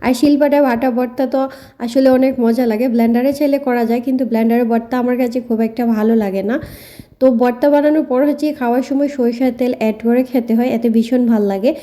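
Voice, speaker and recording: Fast-talking woman cooking vlogger. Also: fairly high pitch, steady tone, warm tone. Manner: chatty, repeats a filler phrase often. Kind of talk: casual recipe voice-over.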